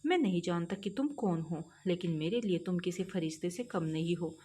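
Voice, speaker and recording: An elderly father, dignified and deeply moved, speaking earnestly, as a woman narrator puts him on. The voice is slightly low and heavy with feeling. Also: animated, normal speed, dark tone, a little hiss or hum, lightly acted. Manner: earnest, choked with emotion.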